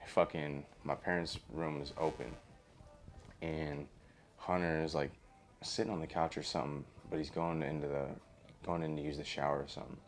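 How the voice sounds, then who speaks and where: A man's voice: rumbling low, little pitch movement, moderate pace. A young man telling a long story in a rambling, casual podcast chat, full of swearing and fillers. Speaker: podcast host.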